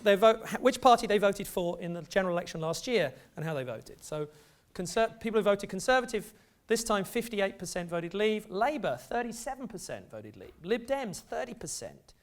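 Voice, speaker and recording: A middle-aged man with an English accent lectures in a lecture hall. His voice sits high for a man, and he keeps a loose, conversational manner with dry little asides. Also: animated, normal speed. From England. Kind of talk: academic lecture.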